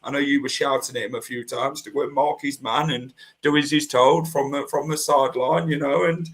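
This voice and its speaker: A man's voice: mid-range voice, steady tone, fairly quick. A man hosting a casual football podcast, leading the talk and putting questions to his co-hosts. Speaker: podcast host.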